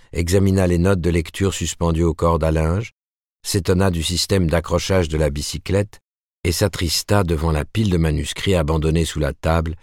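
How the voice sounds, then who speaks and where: A man reads a novel aloud with a very deep, low voice. His delivery is measured and steady, recorded close and dry with no room sound. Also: no echo. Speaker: audiobook narrator. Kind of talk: scripted narration.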